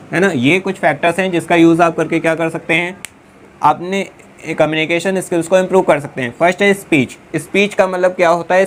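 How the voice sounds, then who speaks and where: A man teaches a class, dictating points word by word and checking in with "है ना" after nearly every phrase. His lecture mixes explanation with slow dictation. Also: a little high, a little hiss or hum. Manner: dictates slowly word by word, asks "है ना" and "clear" often.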